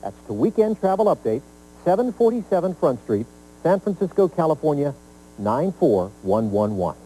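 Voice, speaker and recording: A man's voice: on the high side, very animated, moderate pace, mellow, a little hiss or hum, rough recording. A man with an American accent presenting a scripted travel program as host. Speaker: travel news show host.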